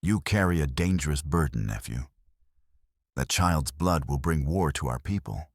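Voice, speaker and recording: A man voicing a stern, weathered old Apache elder who speaks in a grave, measured, formal way. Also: a bass voice, animated, slightly rough, no echo, clean studio sound, full character voice.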